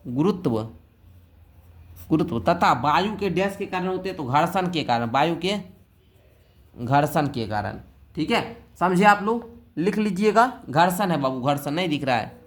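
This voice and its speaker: Coaxing teacher, rather high. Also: male voice, a bit bright. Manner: coaxing, keeps asking the pupils "theek hai?"; reads questions out, then explains them plainly. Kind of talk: classroom-style exam answer lesson.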